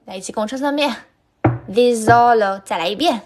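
A woman giving an online singing lesson, chatty and encouraging, stopping often to sing lines slowly for the learner. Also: a little high, lively intonation, over music. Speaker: singing teacher.

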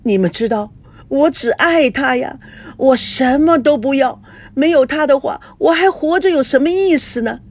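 A woman's voice: high voice, moderate pace, voice pushed up. A woman voicing an anguished young man who is pleading with his grandmother in a storybook reading. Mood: desperate pleading. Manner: pleading, distraught.

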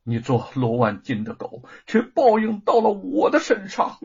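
A man voicing a humiliated young wife who speaks in a low, pained, bitter way, in a dull lo-fi recording. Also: huge pitch swings, unhurried, gravelly, darkish tone, husky, exaggerated voice.

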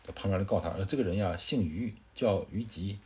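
A man telling a classic tale to a child in a casual, conversational way, adding explanatory asides and filling pauses with "er". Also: low-pitched, dark tone, slight background noise. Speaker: storyteller.

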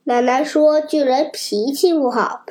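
A woman's voice: high-pitched, measured pace, darkish tone. A woman with a cold voicing an earnest little boy who tells the others about a warning in a storybook. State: has a cold. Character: small boy repeating grandma's warnings.

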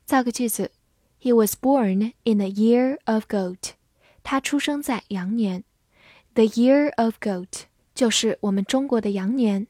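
A woman teaching English vocabulary in a scripted lesson, spelling words out slowly and repeating them with care. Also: on the high side, a little mellow, dry recording, studio quality. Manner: slow, deliberate spelling and repetition of words.

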